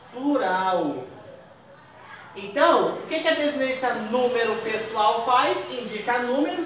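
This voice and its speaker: A man with a very high voice and fairly bright tone teaches grammar, putting questions to the class and answering them himself with frequent check-ins. The recording comes from far off in an echoey room with some faint noise.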